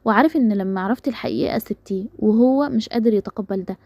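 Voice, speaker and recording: A woman's voice: a little high, fast, a little mellow, no echo, muffled recording. Nervous secretive young woman, read by an Egyptian woman. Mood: tense. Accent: Egyptian Arabic. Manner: tense, guarded.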